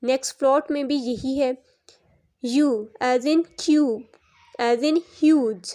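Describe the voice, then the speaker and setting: Woman English teacher, high voice, unhurried delivery, breaks words into single sounds. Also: fairly even intonation, dark tone. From Pakistan. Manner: spells words out sound by sound, switching to Urdu to explain. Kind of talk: recorded classroom lesson.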